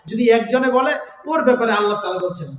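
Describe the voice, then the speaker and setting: Guy preaching hard, very high voice, chants verses all drawn out, big echoey hall. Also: expressive. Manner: fervent, chants Quranic verses in a drawn-out singing tone; asks the crowd rhetorical questions. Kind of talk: sermon. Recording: echoey hall with long reverb.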